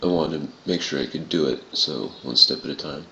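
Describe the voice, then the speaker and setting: A man with an extremely low, gravelly voice walks through a software tutorial in a casual style. His throaty tone comes through a dull, lo-fi home recording with roomy echo. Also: a little fast. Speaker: tutorial presenter. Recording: muffled, roomy home recording with clear noise.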